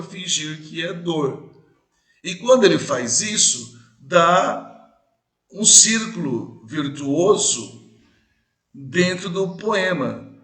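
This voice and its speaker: A man teaching a poetry lesson, talking straight to the viewer, checking that they follow, and reading verses slowly with the stressed syllables marked. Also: on the high side, bright, forceful tone, roomy sound. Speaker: literature teacher.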